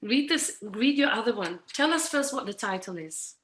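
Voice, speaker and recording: A woman's voice: on the high side, expressive, moderate pace, fairly bright tone. A woman hosting a poetry open mic in a casual, encouraging way.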